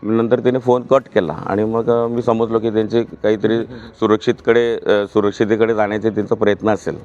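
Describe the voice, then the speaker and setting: A man, interviewed for the news, speaking haltingly with many pauses and restarts. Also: on the low side, little pitch movement, a little mellow, highs cut off. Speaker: interviewee, husband of a tourist.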